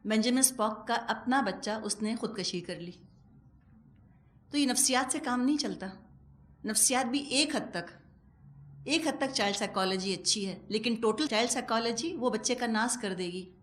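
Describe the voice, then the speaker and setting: A middle-aged woman giving a religious lecture as a Quran teacher, conversational and animated, with wry humor and acted-out asides. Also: on the high side, a little hiss or hum. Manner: animated, acts out quoted speech.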